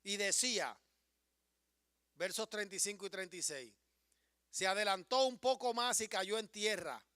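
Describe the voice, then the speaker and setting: Impassioned preacher man, very high and bright voice, dry close sound. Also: moderate pace, pauses often, no echo. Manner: impassioned, swings from hushed storytelling to rising declarations. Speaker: pastor. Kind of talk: sermon.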